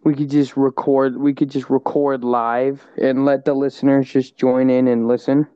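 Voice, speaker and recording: Offhand man with a mellow voice. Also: mid-range voice, flat delivery, normal speed, clean tone, no echo. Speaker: podcast co-host. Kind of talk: casual chat. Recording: slightly dull lo-fi sound.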